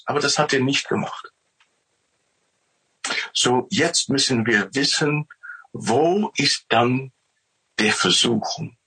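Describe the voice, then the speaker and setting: A male preacher giving a sermon in a very raspy, husky voice. He speaks slowly and with force, and his tone is tense and bright. He tells the story with emphasis and often repeats his words. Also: medium pitch, poor audio.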